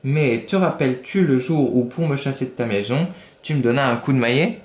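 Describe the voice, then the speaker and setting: A man's voice: medium pitch, a little fast, echoey room, pitched above the performer's own voice, natural voice. A man reading aloud and voicing a small, wise talking cricket in a storybook, reproachful and lecturing.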